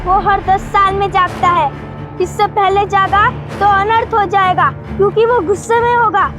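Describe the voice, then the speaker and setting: An actress playing an eerie, frantic figure warning that a demon will wake, in a crime TV drama. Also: female voice, very high voice, steady tone, moderate pace, music in the background. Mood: urgent.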